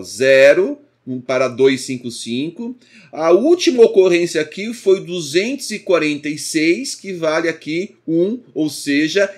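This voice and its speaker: A man giving a screencast coding lesson, explaining code step by step in a steady manner. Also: a little high. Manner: steady, explanatory, walks through code line by line. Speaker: programming instructor.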